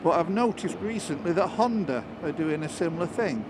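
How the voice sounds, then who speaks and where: A man's voice: a little high, expressive, fairly quick. A British man giving chatty, casual commentary, musing aloud as he rides a motorcycle outdoors, with wind on the mic. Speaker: motorcycle vlogger. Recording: loud wind and engine noise on mic. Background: loud wind, engine and traffic noise.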